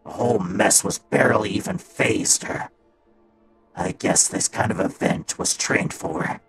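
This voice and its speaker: In a fan comic dub, a performer voices a male robot daycare attendant consumed by guilt, speaking in a halting, sombre, exaggerated way. His low, gravelly voice sinks into whispers as soft music plays behind him, and the mood is one of anguished guilt.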